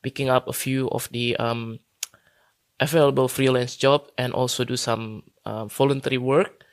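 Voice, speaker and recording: A man from Indonesia in his thirties answers interview questions in a hesitant way, full of fillers and restarts. His voice is gravelly, and it is recorded dry and close. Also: medium pitch, steady tone, moderate pace, no echo. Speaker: guest consultant. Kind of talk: casual interview talk.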